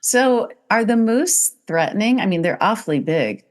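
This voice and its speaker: Lively-voiced woman podcast host. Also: medium pitch, moderate pace. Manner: enthusiastic, reactive interjections. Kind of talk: casual interview.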